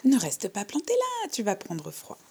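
A woman voicing a fussy, lonely old lady with a shrill, rattling voice who gushes over her young guest. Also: huge pitch swings, moderate pace, warm tone, slightly rough, exaggerated voice. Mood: gushing. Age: older. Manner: gushing, insistent.

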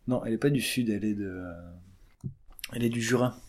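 A student in his twenties from southern France answers interview questions hesitantly, with lots of fillers and restarts. His mid-range voice has a darkish tone, and he talks fast.

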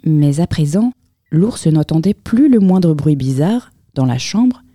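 A woman reading a children's picture book aloud as storyteller, with expressive, lively storytelling in a close, dry room. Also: low-pitched, measured pace, no room sound.

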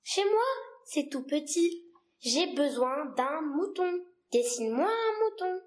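A woman's voice: high-pitched, lively intonation, slow. A woman reading the part of a small, curious boy prince in a storybook reading, earnest and insistent. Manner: earnest, insistent, childlike questioning. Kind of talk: read-aloud storybook dialogue.

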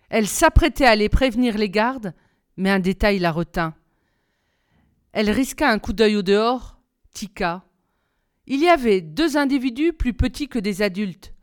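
Clear-voiced woman reading a storybook. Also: mid-range voice. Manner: steady, measured storytelling. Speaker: reader of a children's novel. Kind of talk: read-aloud narration.

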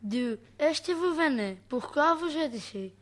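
A student playing a journalist in a school radio play, reading in a careful, deliberate way. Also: female voice, sits high, lively intonation.

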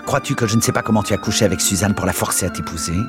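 A man reading aloud, voicing a furious, betrayed woman who hurls shrill accusations at her lover. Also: over music, lightly acted. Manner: shrill accusing outbursts, fast and raised.

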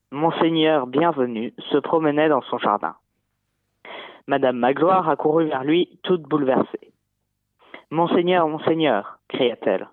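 A young pupil reads a passage aloud down the line, steady and well-articulated, taking his time. The sound is thin and tinny like a phone call, completely dry. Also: on the high side, no echo. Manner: careful, well-articulated reading. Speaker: pupil calling in. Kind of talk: reading a novel aloud.

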